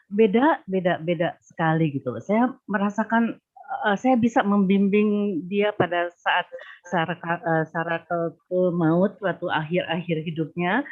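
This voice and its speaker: A middle-aged woman speaking earnestly over tinny, phone-like audio. Her voice is slightly low, and she pauses with fillers as she shares something personal with the speaker. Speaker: caller sharing a personal story. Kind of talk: emotional personal sharing.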